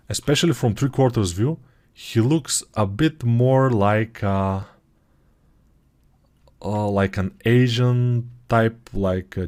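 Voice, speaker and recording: With a fairly low, slightly mellow voice, this man leads a 3D modeling software tutorial in English, his second language, with a Bulgarian accent. He chats, wanders off topic, and frequently corrects himself.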